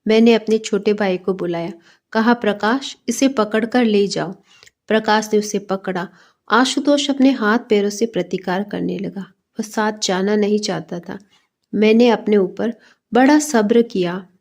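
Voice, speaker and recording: Lady reading a short story out loud, calm and steady, warm mellow voice. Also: mid-range voice, unhurried.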